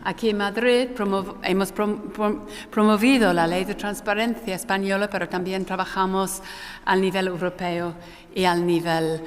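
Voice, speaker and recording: Long cathedral-like hall echo, woman, non-native Spanish accent, mid-pitched, conference moderator, halting with self-corrections. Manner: hesitant delivery with frequent self-corrections. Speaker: panel moderator. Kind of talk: conference panel introduction.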